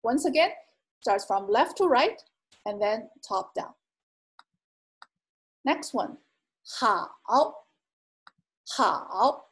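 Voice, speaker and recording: Slow, patient woman teaching words. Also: on the high side, animated. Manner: patient, repeats each word twice with careful tones. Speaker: Chinese language teacher. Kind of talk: slow explanatory lesson narration.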